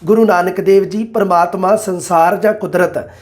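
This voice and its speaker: A man, an exam-prep teacher explaining multiple-choice answers and quoting verses slowly. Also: high-pitched, steady tone, darkish tone. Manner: addresses listeners as "bai", quotes verses slowly.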